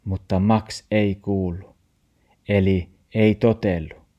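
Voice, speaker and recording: A man reading a children's storybook aloud in an expressive, sing-song way. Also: on the low side, dull audio. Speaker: narrator.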